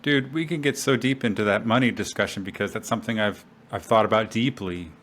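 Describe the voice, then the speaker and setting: A man's voice: lowish voice, brisk, a bit bright, a little hiss or hum. Reflective man musing aloud. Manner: reflective, thinks aloud with many fillers. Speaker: podcast co-host. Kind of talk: casual chat.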